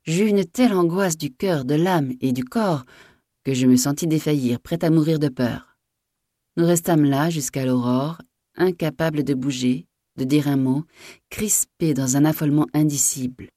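A woman narrating a story in a measured, dramatic reading. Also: sits low, mellow, no room sound, clean studio sound.

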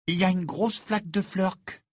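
A man voicing a cheeky teenage girl who warns in a quick, teasing way. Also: sits high, fairly even intonation, no echo, clean studio sound, pitched above the performer's own voice.

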